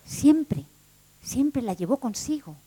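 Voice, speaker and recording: A woman voicing a gentle male clerk who speaks low, soft and slow. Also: expressive, slightly rough, heavily acted, low-quality recording. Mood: tender.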